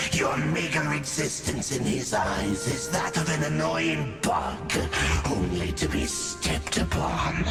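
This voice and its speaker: Gloating monster villain, gravelly, wildly swooping delivery, pompous taunts, video game, echoing under loud music. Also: male voice, full character voice. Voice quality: gravelly, very deep. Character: menacing, gloating male Abyss Herald, a monstrous sorcerer-warrior.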